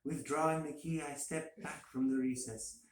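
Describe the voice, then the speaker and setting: A man's voice: a little high, fairly even intonation, normal speed. A man giving an amateur dramatic reading of a gothic horror story. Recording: roomy echo, faint hiss.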